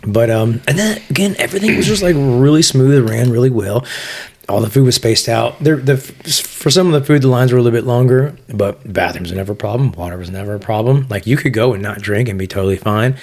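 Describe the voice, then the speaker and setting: A man, a podcast co-host in casual chat, telling animated stories and swearing freely. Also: medium pitch, a little fast.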